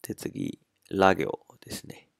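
A man teaching a language lesson in a relaxed spoken style, working slowly and carefully through pronunciation drills. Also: no room sound, clean studio sound.

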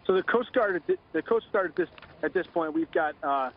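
A middle-aged man giving a halting official briefing in a live news interview over the phone. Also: on the high side, expressive. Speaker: Coast Guard commander, phone interviewee. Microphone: phone line. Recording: dull lo-fi phone line.

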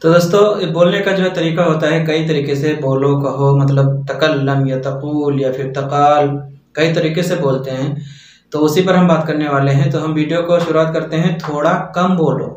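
A man giving a casual language lesson, repeating phrases slowly for his learners. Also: on the high side, steady tone, darkish tone. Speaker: Arabic teacher. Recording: echoey, distant, dull mic.

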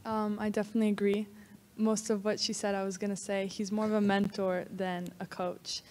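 Soft-spoken teen girl in a hall. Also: mid-range voice, level tone, a little fast. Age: teens. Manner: brief, soft-spoken answers. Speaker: student athlete. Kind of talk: interview answer. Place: large sanctuary hall. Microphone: handheld microphone. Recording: long hall reverb.

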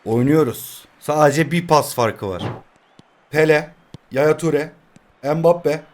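Excitable young male gamer, loud bursts over his own mobile football match, then quiet grumbling. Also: on the high side, slow pace. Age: 20s. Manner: excitable, shouts at players, swings between yelling and muttering. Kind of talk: live gameplay commentary.

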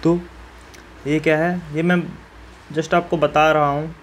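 A man speaks slowly in a fairly high, level voice, with a little hiss or hum present. He's giving school students a step-by-step map-filling lesson, sounding friendly and reassuring and frequently asking viewers questions.

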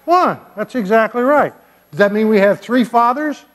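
An older man, a pastor giving a children's sermon in a church sanctuary, gently and playfully asking the kids questions. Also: sits high, animated, normal speed. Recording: long church reverb.

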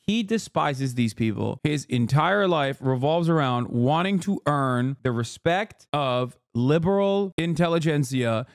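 A man in his thirties talks over a live stream, his voice a touch high and his delivery brash, sarcastic and full of profanity. He sits right up on a studio microphone, so the sound is close and dry, with no room echo around it. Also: lively intonation, a little slow, hardly any pauses. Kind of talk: casual live-stream commentary. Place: small room full of shelves and collectibles. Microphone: large studio mic close in front.

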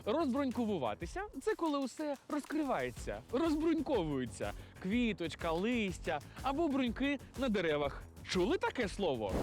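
High, swoopy guy doing a teasing street quiz, music under it. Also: huge pitch swings, normal speed. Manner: playful, teasing quizmaster. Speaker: street reporter. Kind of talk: lively TV voice-over and street quiz.

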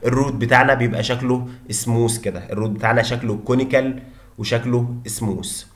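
A man's voice: mid-range voice, steady tone, quick pace. A young man with an Egyptian Arabic accent tutoring dental anatomy, repeating each point and quizzing listeners with rhetorical questions. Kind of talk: fast teaching lecture.

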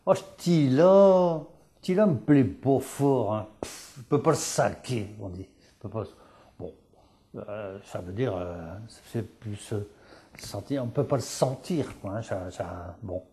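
Slow-talking dialect teacher. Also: male voice, mid-range voice, expressive, mellow. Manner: didactic, repeats words, asks and answers himself. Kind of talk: televised dialect lesson.

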